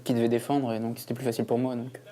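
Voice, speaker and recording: A young man describing his chess win in a halting, quick interview answer. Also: medium pitch, flat delivery, mellow. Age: young adult. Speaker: tournament winner interviewed.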